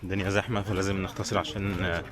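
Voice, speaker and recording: A low, flat, racing delivery marks this man, an Egyptian Arabic-accented travel vlogger talking informally straight to his audience while walking. Around him, a busy tourist village supplies crowd chatter and outdoor street noise.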